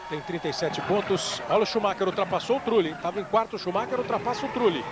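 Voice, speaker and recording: High-pitched Brazilian male motorsport commentator. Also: fast. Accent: Brazilian Portuguese. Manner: emphatic, repeats key phrases. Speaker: motorsport commentator, play-by-play announcer. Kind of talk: live motor racing commentary on television. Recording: clear engine and track noise behind. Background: race cars and outdoor ambience.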